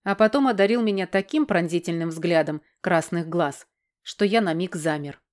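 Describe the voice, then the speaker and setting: A woman reading a first-person fantasy audiobook in a steady, measured way. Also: lowish voice. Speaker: audiobook narrator.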